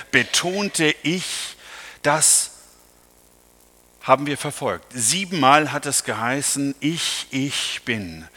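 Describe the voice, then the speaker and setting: Emphatic preacher in a reverberant hall. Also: male voice, mid-range voice, bright, forceful tone. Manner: emphatic, addresses the congregation directly with questions. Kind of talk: sermon.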